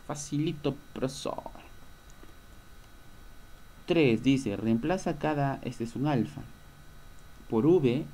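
A man's voice: medium pitch, mellow. A male schoolteacher giving a recorded lesson, patiently explaining and answering his own questions. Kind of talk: recorded online class lesson.

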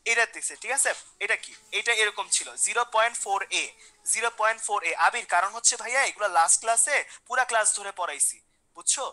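Fast, bright-voiced woman chemistry teacher. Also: mid-range voice, rough recording. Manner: repeats questions, coaxes students by name. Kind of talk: online class lecture.

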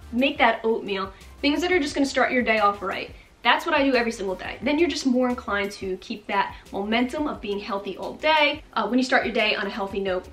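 A young woman talks straight to the camera from a bright bedroom, her voice sitting a touch high and full of energy. She coaxes and encourages like a friendly fitness coach, peppering her tips with quick check-ins. Faint music plays softly under her talk. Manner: energetic, chatty, coaxing with frequent "okay?" and big hand gestures. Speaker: fitness vlogger. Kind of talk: upbeat motivational talk to camera.

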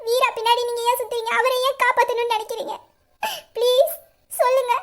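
A woman's voice: extremely high pitch, flat delivery, rapid-fire, fairly bright tone. A woman acting a young woman about to marry, pleading through sobs in an audio drama. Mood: tearful pleading. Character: young woman, earnest, torn and tearful bride-to-be.

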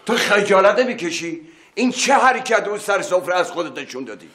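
Older, hot-tempered patriarch, blunt scolding, lively pitch swings. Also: male voice. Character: stern, hot-tempered older father-in-law. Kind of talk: TV sitcom acting.

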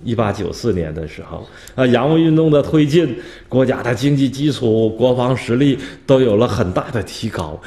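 Lively man lecturing. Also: mid-range voice, normal speed, few pauses. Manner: animated, chuckles at his own anecdotes, asks and answers rhetorical questions. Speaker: history professor giving a lecture. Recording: roomy lecture hall echo.

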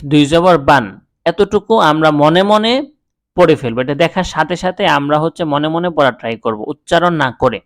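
A man teaching how to read the Quran, speaking patiently and spelling out each letter slowly, then repeating it. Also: fairly high pitch, dry recording. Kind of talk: step-by-step recitation lesson.

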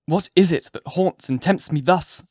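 A man's voice: on the high side, moderate pace, darkish tone, slightly rough, dry recording, pitched above the performer's own voice. A tormented clergyman, grave and formal, his voice raised a little above the narrator's own, as a male reader plays him. The sound is dry and close. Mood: anguished. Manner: anguished, solemn, formal.

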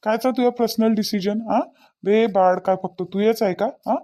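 A man's voice: high-pitched, steady tone, normal speed, warm tone, close to an everyday voice. A man with a Varhadi Marathi accent voicing an indignant young husband who keeps firing questions back. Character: resentful young husband, sulky.

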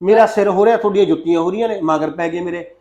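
In an amateur village family drama short film, a man plays a young police officer arguing with his mother about his marriage. He talks fast, insistent and pleading, in a high-pitched, darkish, natural voice. The recording is muffled.

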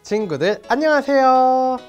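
A young man hosts a kids' show with a booming opener delivery. His pitch swings widely and he takes his time over the words, with music behind him. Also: measured pace, dull audio. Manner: exclamatory, animated, addresses children as friends. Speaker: kids' toy show host. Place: small indoor studio. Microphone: lapel mic.

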